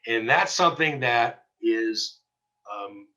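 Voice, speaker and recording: A man's voice: medium pitch, animated, slow, bright, forceful tone. A man teaching a real estate class in a conversational way, with fillers and restarts. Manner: conversational, acts out little dialogues with fillers and restarts. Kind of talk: recorded class lecture.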